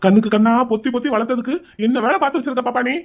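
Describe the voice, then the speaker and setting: A man's voice: very high voice, steady tone, very fast. A man voicing an agitated, protective older brother in a Tamil cartoon, scolding his younger sister. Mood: angry. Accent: Tamil Nadu Tamil. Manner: anxious, scolding, heated. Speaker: cartoon character.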